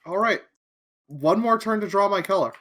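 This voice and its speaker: A woman's voice: mid-range voice, moderate pace, fairly bright tone. Woman, casual stream chat, walks through rules step by step, dry sarcastic humor. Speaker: card game opponent on stream. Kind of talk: casual game-night chat.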